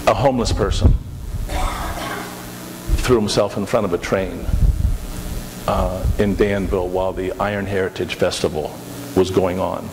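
Deep-voiced with vocal fry, a middle-aged pastor speaks steadily at a normal speed, leaving long pauses as he earnestly prays and makes announcements, repeating words frequently. The large church sanctuary gives the recording reverb, plus some hiss.

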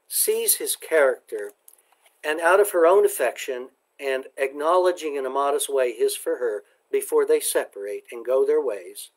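Slow, measured male book presenter. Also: mid-range voice. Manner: slow, deliberate, measured delivery. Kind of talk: book talk with read-aloud passages.

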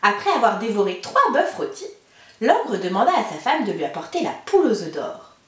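A woman teacher reading a storybook aloud to children with lively, expressive narration. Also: medium pitch, normal speed. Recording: roomy, mic far off.

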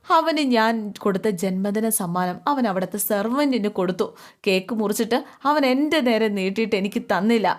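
A woman voicing a heartbroken middle-aged father who pleads tearfully, in a plaintive, slow and wounded way. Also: mid-range voice, expressive, natural voice. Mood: grieving.

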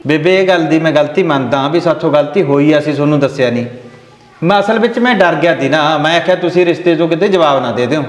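An actor playing a middle-aged village farmer who pleads earnestly. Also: male voice, fairly high pitch, quick pace, natural voice. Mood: pleading. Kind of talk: village family drama acting. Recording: echoey room with long reverb.

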